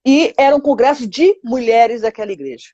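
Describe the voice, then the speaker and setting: A woman's voice: a little high, fairly quick, warm tone, dry recording, highs cut off. A woman with a Brazilian Portuguese accent telling her testimony to a pastor in an interview, acting out quoted dialogue with lots of 'sabe?'. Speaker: guest giving a testimony.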